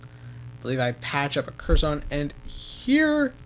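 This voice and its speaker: A man's voice: on the high side, huge pitch swings, slow pace, a little hiss or hum. A man giving casual gameplay commentary as a let's-play host, rambling and correcting himself as he goes. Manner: rambling, self-correcting, laughs at own slips.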